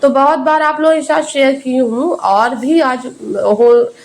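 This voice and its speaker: A woman's voice: high voice, a little slow, darkish tone. A young adult woman chatting through a homemade cooking vlog, talking straight to her viewers. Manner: chatty and homely, addressing viewers directly. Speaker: cooking vlogger. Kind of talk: casual cooking vlog narration.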